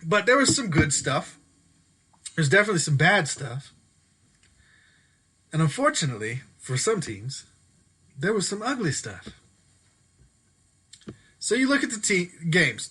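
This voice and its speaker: Man, sports host, solo commentary, casual chat, fairly high pitch, bright forceful tone. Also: very animated, unhurried, pauses often, husky. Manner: casual, chatty, self-correcting. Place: Denver.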